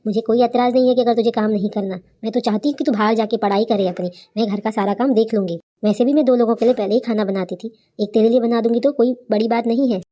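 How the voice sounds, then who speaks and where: A woman voicing a gentle old mother-in-law. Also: on the high side, fairly even intonation, fast talker, hardly any pauses, lo-fi sound, natural voice. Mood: coaxing. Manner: soothing, coaxing. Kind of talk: cartoon voice acting.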